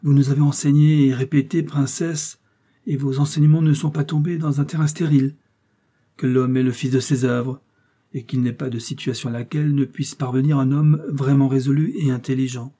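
A man's voice: mid-range voice, fairly even intonation, moderate pace, warm tone, pitched above the performer's own voice, lightly acted. A man reading the lines of an ambitious young man of humble birth, in a subdued, deferential tone.

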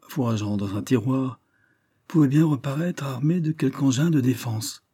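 A man narrating a classic novel as an audiobook in a measured, even storytelling voice. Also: fairly low pitch, breathy edge. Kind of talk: scripted narration.

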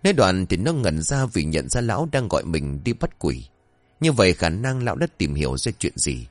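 Expressive low-voiced male storyteller. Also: moderate pace, dry recording. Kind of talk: narrated horror-comedy story.

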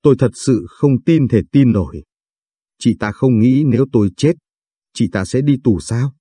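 A man narrating a first-person audio story in a steady, dramatic way. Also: medium pitch, moderate pace, husky, dry recording.

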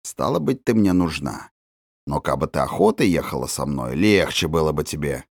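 A rough, very deep forest villain. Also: male voice, animated, dry recording, clean studio sound, exaggerated voice. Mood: hissing threat. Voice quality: rough, hoarse voice. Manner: gloating, threatening, drawn-out. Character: coarse menacing male forest tramp villain. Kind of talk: audiobook character voicing.

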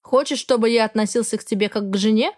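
A woman voicing a cold, arrogant male dragon husband who speaks in a flat, indifferent tone. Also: fairly high pitch, fast talker, close to an everyday voice.

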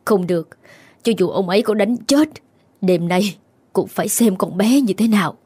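A man's voice: high-pitched, moderate pace, husky, dry recording, clean studio sound, voice pushed up. A man doing a tearful pleading mother. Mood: tender worry. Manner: tearful, imploring, soft-hearted. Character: anxious middle-aged mother, tearful and pleading.

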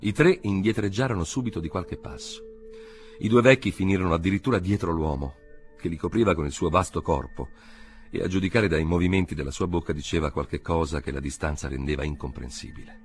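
A man reading a literary audiobook in a measured, expressive narrating voice. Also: deep voice, soft background music. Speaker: audiobook reader.

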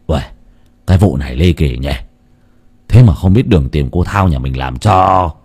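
A man's voice: rumbling low, lively intonation, moderate pace, darkish tone, husky, pitched below the performer's own voice, full character voice. A man doing a nosy chubby neighbor. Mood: gossipy. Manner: gossipy, teasing. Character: chubby older male neighbor, nosy and chatty.

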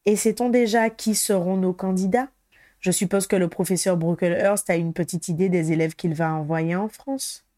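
A woman's voice: fairly low pitch, fairly even intonation, moderate pace, warm tone, no echo, clean studio sound, lightly acted. A woman reading the lines of a weary grown-up male wizard hero, terse and guarded, in a storybook.

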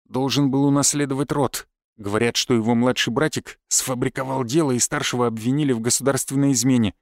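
Guy voicing a cautious prisoner, low-key and hushed, close dry sound. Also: steady tone, fairly quick, no room sound, natural voice. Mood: confiding. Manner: hushed, confiding.

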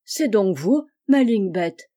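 A woman voicing a polite, noble young peasant hero who speaks in a measured, slightly lofty way. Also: medium pitch, animated, dark tone. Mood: stern.

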